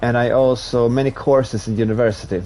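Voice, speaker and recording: A young Swedish man with a Swedish accent streams a racing game, chatting casually with viewers in a medium-pitched, brisk voice. He's relaxed and rambling, restarting his thoughts as he plays, with faint music in the background.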